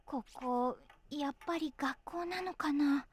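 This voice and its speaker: A woman playing a frightened teenage schoolgirl in a Japanese horror game, girlish and expressive in her fearful delivery. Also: sits high, takes it slowly, a little hiss or hum. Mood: worried.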